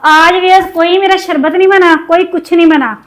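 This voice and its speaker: A woman from Pakistan chatting in a cooking vlog, upset and venting, her throat sore from shouting. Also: very high voice, fairly even intonation, moderate pace, poor audio. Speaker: cooking vlogger. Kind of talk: casual cooking vlog chat.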